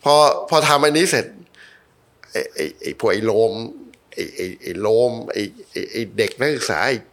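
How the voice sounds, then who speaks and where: A man's voice: fairly low pitch, expressive, moderate pace, a bit bright. A middle-aged man, a former advertising creative, telling stories as a podcast guest in a blunt, heated way full of swearing. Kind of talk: casual podcast conversation.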